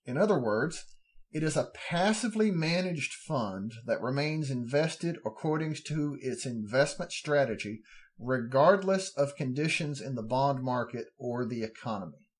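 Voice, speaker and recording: A man's voice: mid-range voice, animated, normal speed, slightly rough. A man hosting a podcast, steadily reading formal fund descriptions aloud and breaking off now and then for plain spoken asides. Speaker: podcast host.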